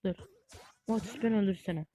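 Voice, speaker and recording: A woman giving live gameplay commentary as a gaming YouTuber, excitable and easily frustrated, chatting to viewers like friends. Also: medium pitch, fairly quick, a little hiss or hum.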